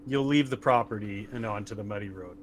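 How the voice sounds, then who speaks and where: A man running a tabletop horror game as game master, narrating in a casual, halting way. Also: lowish voice, a little hiss or hum.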